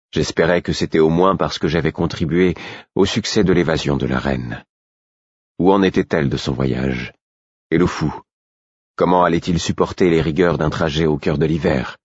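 A man reads a novel aloud in the first person, his voice sitting extremely low and husky. His delivery is measured and introspective. The recording is dry and slightly dull. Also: darkish tone, no echo. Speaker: audiobook narrator. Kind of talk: scripted first-person narration.

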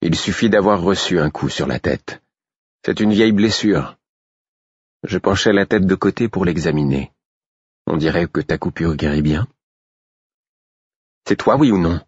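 A man narrating a novel in the first person, in a measured, low-key reading. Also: slightly rough, dry recording, muffled recording. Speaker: audiobook narrator.

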